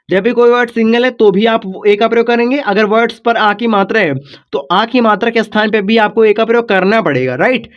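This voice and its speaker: Male teacher, high voice, patient and repetitive, muffled lo-fi recording. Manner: patient, repetitive explaining, addresses viewers as kids. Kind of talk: classroom-style video lesson. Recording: dull lo-fi recording.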